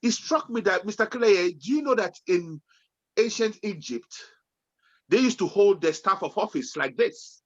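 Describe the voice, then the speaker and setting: A man in his late forties, co-hosting a casual chat in an animated way, turning from loud excitement to low musing. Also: a little slow. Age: 40s. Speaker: podcast co-host. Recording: dull lo-fi sound.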